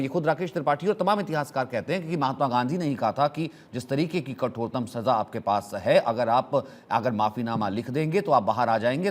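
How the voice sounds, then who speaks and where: A man anchoring a TV news debate, firm and cutting in to keep order. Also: fairly high pitch.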